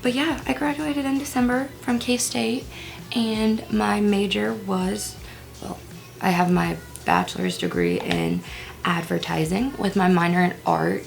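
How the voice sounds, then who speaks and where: A twenty-something vlogger talks through her makeup routine at home in a relaxed get-ready-with-me style, teasing herself and slipping in whispers. Her voice is mid-range and creaky.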